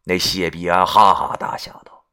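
A man narrating a story in an animated, wry way, with crude asides. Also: sits low, normal speed, smooth.

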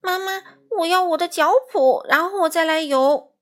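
A woman voicing a small, scared young male frog who cries out and pleads in a shrill voice. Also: steady tone, takes it slowly, a bit bright. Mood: whiny pleading.

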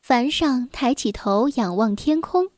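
A woman reading a children's storybook aloud in a gentle, unhurried storytelling manner. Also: sits high, lively intonation, no room sound, studio quality.

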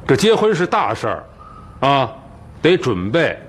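Defiant captive in old chinese tv drama, blunt, pitch moves around a lot. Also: male voice, sing-song, a little slow, slight background noise. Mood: demanding. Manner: blunt, demanding. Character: defiant, bitter crippled captive man bargaining proudly. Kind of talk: TV period drama dialogue.

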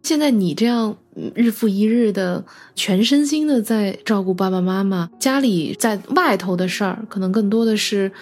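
A woman's voice: medium pitch, normal speed, hardly any pauses, a little mellow, faint music behind. A woman hosting an interview, mostly giving short attentive responses. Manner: brief attentive back-channel responses. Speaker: podcast host. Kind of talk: casual interview.

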